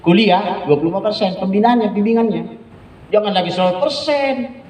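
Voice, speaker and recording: A man's voice: high-pitched, fairly quick, a little mellow. A man giving a joking lecture to Quran teachers, often checking in with his listeners. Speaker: Islamic teacher trainer. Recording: echoey room, distant dull mic.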